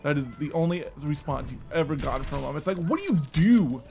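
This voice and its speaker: A man's voice: fairly high pitch, animated, fairly quick, vocal fry, a little mellow. A man in his thirties delivering a casual, weary and earnest back-in-my-day rant, repeating himself for emphasis. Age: 30s. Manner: emphatic repetition for stress.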